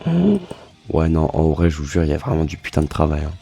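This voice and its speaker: A young man commentating a gaming reaction video, swinging from low muttering to excited yelling. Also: fast, soft background music. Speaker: gaming content creator reacting.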